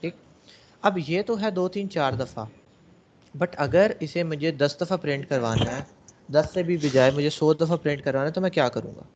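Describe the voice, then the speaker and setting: A man's voice: on the high side, moderate pace, darkish tone, muffled recording, a little hiss or hum. A male programming teacher giving a classroom lecture, explaining step by step and answering his own questions to the class. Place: classroom with students.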